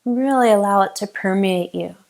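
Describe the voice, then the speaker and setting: A teacher with a creaky, mid-range voice leads a guided meditation. Her instructions come gently and without hurry, separated by long pauses.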